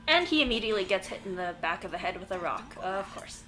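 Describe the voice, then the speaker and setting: A woman streams a video game, reading its text aloud and offering casual, playful commentary full of rambling asides to herself. Her medium-pitched voice is animated, quick, pushed and bright, with faint music in the background.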